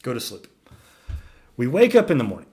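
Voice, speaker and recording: A young man telling a wild story in casual chat, animated and profane, saying "dude" a lot and acting out the quotes of others. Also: mid-range voice, fairly quick. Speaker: storyteller guest.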